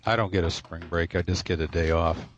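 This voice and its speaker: Man, very low voice, clipping distorted mic, faint hiss, heavy breathing, blunt call-in guest. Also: steady tone, fairly quick, dull audio. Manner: short, blunt replies with crude swearing. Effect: overmodulated, clipping distorted mic. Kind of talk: casual chat.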